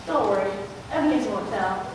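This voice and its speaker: A woman's voice: mid-range voice, lively intonation, a little fast, lightly acted. A woman playing an eager, friendly young male apprentice in a stage play. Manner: eager and encouraging. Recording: echoey hall, far from mic, loud noise.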